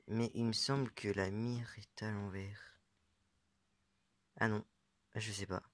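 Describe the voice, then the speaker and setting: A man's voice: lowish voice, level tone, takes it slowly, a bit bright. A young man casually showing his metal-detecting finds, talking hesitantly with many fillers and unsure asides. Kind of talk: casual show-and-tell vlog.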